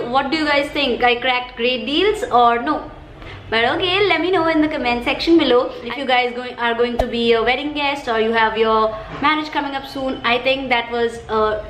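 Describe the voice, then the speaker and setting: This Indian-accented beauty vlogger's voice sits on the high side with a fairly bright tone as she chats cheerfully through a casual haul video. Words get repeated for emphasis, with an echoey room and faint noise in the background.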